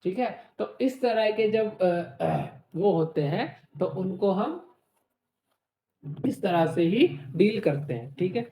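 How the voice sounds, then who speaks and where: Mellow-voiced Hindi exam-prep teacher. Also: mid-range voice, animated, slow pace, echoey room. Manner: asks rhetorical questions and says "ठीक है" often. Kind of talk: explanatory online class.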